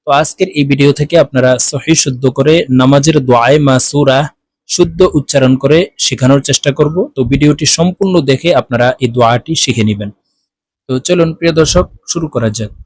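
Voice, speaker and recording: A man teaching prayer recitation, explaining word by word and chanting the phrases drawn out. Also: no room sound. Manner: explains slowly, then chants Arabic phrases drawn out and higher. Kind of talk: religious lesson.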